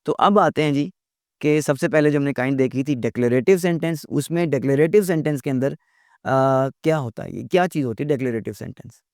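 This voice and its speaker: A man teaching English in a recorded lecture. He asks rhetorical questions, repeats his points and reads out the English examples slowly. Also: mid-range voice, a little mellow, dry recording, studio quality.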